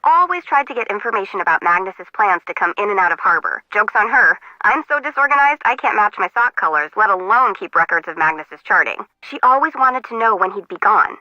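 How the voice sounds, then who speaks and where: A woman's voice: mid-range voice, lively intonation, brisk, hardly any pauses, pushed and bright, dry recording. A woman voicing a quirky young female harbor intern in a game, rambling and joking at her own expense, with a muffled, lo-fi sound. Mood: chatty. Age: young adult. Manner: rambling, joking, self-mocking.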